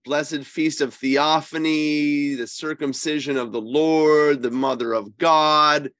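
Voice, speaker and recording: A man who is a priest, slightly wheezy and congested with a cold, giving conversational religious teaching in an emphatic, halting way. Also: fairly high pitch, steady tone, fairly bright tone, no room sound, clean studio sound. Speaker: priest and co-host.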